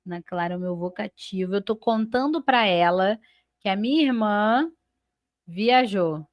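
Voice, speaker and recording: Speaking a little slowly in an expressive, medium-pitched voice, a Brazilian-accented woman teaches grammar in a live online class. She goes step by step, checks in with students often, and stretches out and stresses key words when naming sentence parts. The recording is dry.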